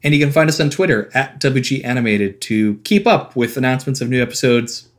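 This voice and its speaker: A man's voice: mid-range voice, expressive, fairly quick. A man co-hosting a podcast, chatting casually in a wry, opinionated way with laughing asides. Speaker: podcast co-host. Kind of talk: casual chat.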